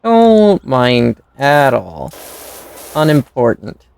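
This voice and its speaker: Sarcastic woman streamer, slow and smooth. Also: extremely low pitch, sing-song, a little mellow, low-quality recording. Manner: dry sarcastic muttering, playful meowing. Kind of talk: casual gameplay commentary.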